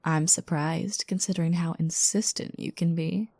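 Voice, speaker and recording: Playing a sleepy young girlfriend in an intimate audio roleplay, a woman speaks slowly and softly up close with a mellow, slightly gravelly voice, fairly low in pitch and steady in tone. Her mood is mock bossy and teasing, with unhurried, breathy asides, and the dry recording has no echo.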